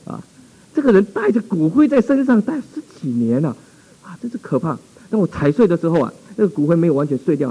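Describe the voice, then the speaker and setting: A man's voice: fairly high pitch, warm tone, breathy edge, poor audio. A male pastor telling a dramatic, exclamatory testimony in a sermon.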